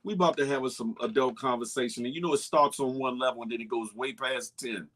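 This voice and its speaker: A medium-pitched man talks fast while hosting a casual live-stream show. He shouts viewers' names with animation and keeps the chat loose, full of repeated catchphrases.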